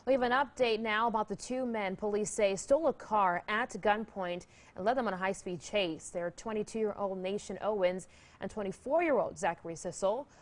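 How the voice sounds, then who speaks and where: A woman in her twenties anchoring and reporting TV news, reading stories crisply and bantering upbeat with co-hosts. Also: mid-range voice, moderate pace.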